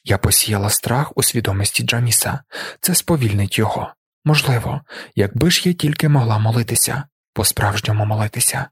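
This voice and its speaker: A man's voice: medium pitch, fairly quick, husky, no echo, clean studio sound. A man reading the lines of a fierce, protective noble mother in an audiobook, with a cold, threatening manner. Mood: inner thought.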